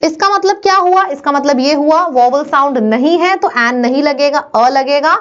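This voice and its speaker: A woman with a high voice teaches an online grammar lesson. She asks her students questions and answers them herself in a brisk classroom drill. The recording sounds slightly dull and lo-fi.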